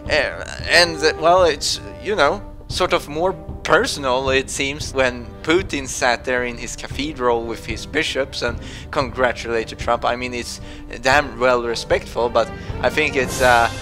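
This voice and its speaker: A man's voice: medium pitch, unhurried, sharp tone, faint music behind. A man with a Swedish accent, a native Swedish speaker, rambling through news commentary with many fillers and restarts. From Sweden. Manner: meandering, full of fillers and restarts.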